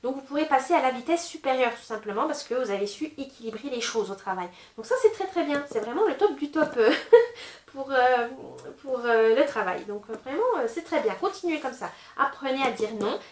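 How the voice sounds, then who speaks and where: A woman giving a casual tarot reading, chatty and gently advising, with many fillers. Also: high voice, expressive, a little fast, echoey room. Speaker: tarot reader.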